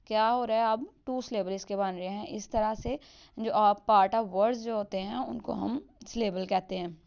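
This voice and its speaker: Smooth-voiced woman teaching a lesson. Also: medium pitch, fairly even intonation, darkish tone, highs cut off. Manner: mixes English terms into Hindi speech, reads example lines slowly. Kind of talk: explanatory lesson.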